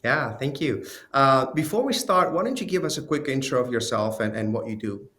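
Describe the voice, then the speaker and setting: A man's voice: medium pitch, lively intonation, a little fast, a bit bright. A man moderating an interview, asking loose, friendly questions with many "you know" fillers.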